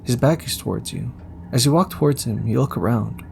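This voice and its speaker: Speaking briskly in a gravelly, mid-pitched voice, a man tells a scripted audio story addressed to "you." The recording carries faint ambience and background noise.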